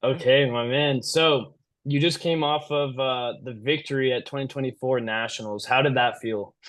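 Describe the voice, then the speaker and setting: A man's voice: mid-range voice, fairly even intonation, moderate pace, a bit bright. A man hosting a podcast, asking a guest questions in a friendly, easygoing way and laughing along. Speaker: podcast host. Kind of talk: casual interview chat.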